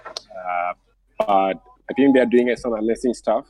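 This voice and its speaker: Man, husky low voice, dry close sound, earnest, encouraging, video call guest. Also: normal speed, mellow, dry recording, low-quality recording. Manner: earnest, encouraging, speaks in simple non-native phrasing. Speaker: interview guest. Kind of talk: casual online interview.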